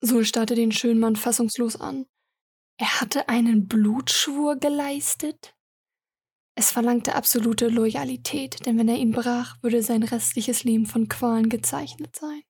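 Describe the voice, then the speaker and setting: A woman narrating her own story as a whispered role-play, soft and close to the mic. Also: on the high side, fairly even intonation, unhurried, breathy edge. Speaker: author and narrator.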